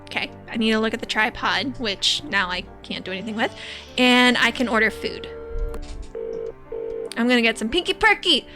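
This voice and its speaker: A woman's voice: a little high, moderate pace, music in the background. A woman giving chatty, giggly commentary as she plays a game. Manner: chatty, giggly, easily delighted. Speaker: gamer.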